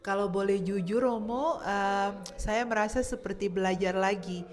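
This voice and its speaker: A woman's voice: medium pitch, moderate pace. A woman from Maluku in her thirties, a PhD student answering interview questions politely, with many hesitant fillers. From Maluku, Indonesia. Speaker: guest, PhD student and lecturer.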